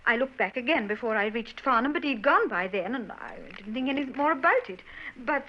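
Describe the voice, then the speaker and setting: Here the actress's voice sits fairly high and sounds animated, moving at a brisk clip. She is voicing a worried, earnest young Victorian woman in old-time 1940s radio acting, hesitant and genteel, and the broadcast sound is dull.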